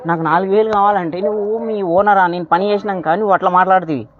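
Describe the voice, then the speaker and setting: A man's voice: high voice, fairly even intonation, fast talker, a little hiss or hum. A man arguing insistently in a comedy skit, as a mechanic demanding his pay and scolding his helper. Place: outdoor workshop. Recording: dull lo-fi phone audio with crowd behind.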